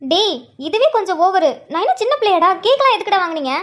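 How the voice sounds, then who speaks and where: A woman's voice: very high voice, big pitch swings, quick pace. A woman voicing an affectionate older sister and young mother in a cartoon drama, emotional and teasing by turns. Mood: playful. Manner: affectionate, teasing, tearful at times.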